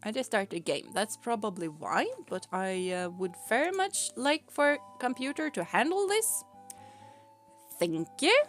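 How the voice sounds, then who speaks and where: This VTuber streamer is a woman whose native tongue is Swedish, and her accent shows as she rambles casually and giggles, frequently breaking into laughter mid-sentence. Her medium-pitched voice is very animated but unhurried, and faint music plays in the background.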